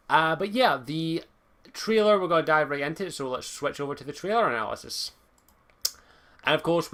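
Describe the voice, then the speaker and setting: A man's voice: a little high, sharp tone. A young man giving a chatty, rambling commentary on a game trailer from his computer at home, swearing casually as he talks. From Scotland. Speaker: gaming video host.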